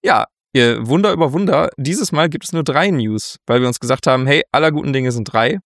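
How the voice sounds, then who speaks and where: A man co-hosting a casual board game news podcast, relaxed and chatty, laughing often. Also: mid-range voice, a little fast, no room sound, studio quality. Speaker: podcast co-host.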